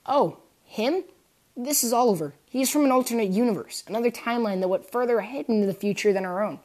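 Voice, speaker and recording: A chirpy, gentle young prince from a storybook adventure, as a woman puts him on. He sounds sunny and slightly fussy, and he rattles along eagerly, lifting his voice well above the narrator's. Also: a little high, fast talker, voice pushed up, natural voice.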